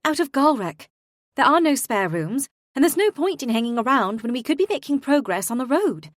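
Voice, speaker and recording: A woman's voice: high-pitched, very animated, dry recording, studio quality, voice pushed up. A woman voicing a practical, caring young woman companion in an audiobook. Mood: brisk. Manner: brisk and decisive, then gentle. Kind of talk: audiobook character voice.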